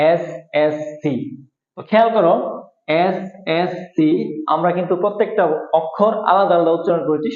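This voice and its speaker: A man teaching an English lesson at a board, explaining slowly and repeating each point. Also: fairly high pitch. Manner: slow, repetitive explaining, spelling out letters. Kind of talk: whiteboard lesson. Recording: echoey room, tinny phone-like sound.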